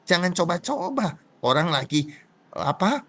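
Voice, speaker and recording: A middle-aged man giving a classroom lecture, animated, often asking the class rhetorical questions and acting out little dialogues. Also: measured pace. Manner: acts out dialogue with pitch jumps.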